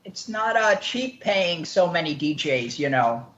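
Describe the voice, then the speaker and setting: A woman's voice: on the low side, very animated, a little slow, fairly bright tone, highs cut off. A woman hosting an online radio show, chatting casually and rambling with frequent laughs and jokes. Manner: giggly, rambling, jokey.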